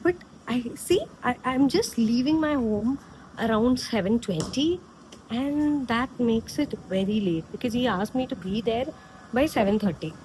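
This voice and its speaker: A woman's voice: fairly high pitch, animated, drawn-out words, darkish tone, rough recording. A woman with a Malayali accent giving casual, unscripted vlog chat, switching between English and Malayalam. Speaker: vlogger. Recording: faint vehicle and street noise.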